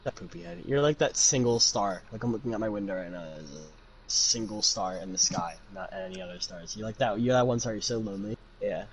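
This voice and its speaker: This fan fiction narrator, a young adult man, livestreams in a fairly low, animated, brisk voice through a noisy amateur microphone. He chats casually, joking and ribbing both himself and other people.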